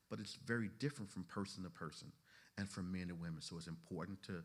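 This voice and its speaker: Deep-voiced man giving a casual lecture. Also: a bit bright. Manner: conversational, fills with "you know", asks the class questions. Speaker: instructor teaching therapists. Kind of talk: classroom lecture.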